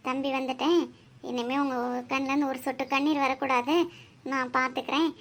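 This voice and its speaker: A woman's voice: sits high, a little fast. A woman voicing a cheeky, chatty young girl in a Tamil cartoon who teases and consoles at length. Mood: teasing. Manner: chatty, teasing, lively.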